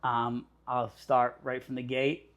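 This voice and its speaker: A man hosting an interview podcast, upbeat and flattering, stringing thoughts together in long lists. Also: medium pitch, takes it slowly. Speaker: podcast host. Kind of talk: conversational interview.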